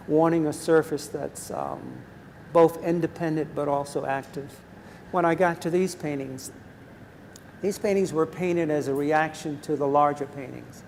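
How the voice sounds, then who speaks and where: A man in his seventies, an artist talking in a gallery conversation in a measured, reflective way, pausing with ums. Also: on the high side, darkish tone. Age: 70s. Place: large art gallery. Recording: reverberant gallery with faint noise.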